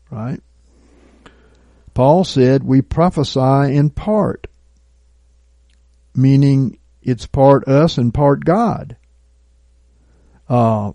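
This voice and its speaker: Man preaching real slow, very dark mellow voice, dry close sound. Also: medium pitch, gravelly, dry recording. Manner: slow, deliberate, drops to quiet asides; reads scripture and prophecy aloud. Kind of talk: recorded sermon teaching.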